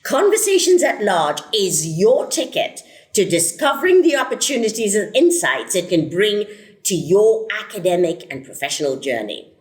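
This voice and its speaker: A woman's voice: mid-range voice, very animated, moderate pace, echoey room. A woman hosting a university program podcast, reading an enthusiastic introduction and welcoming her guests. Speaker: host, program director.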